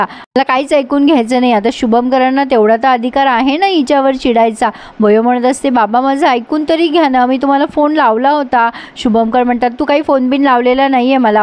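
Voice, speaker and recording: A woman's voice: high-pitched, darkish tone. A young woman telling the story of a TV serial episode in a chatty way, acting out the dialogue and commenting to her viewers. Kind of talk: casual storytelling recap.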